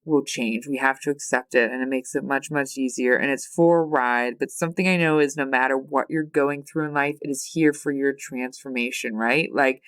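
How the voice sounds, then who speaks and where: A woman's voice: a bass voice, steady tone, moderate pace, few pauses, clear, resonant tone. A woman in her thirties hosting a solo podcast, talking in a rambling, heartfelt, confessional way full of fillers and restarts. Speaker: podcast host.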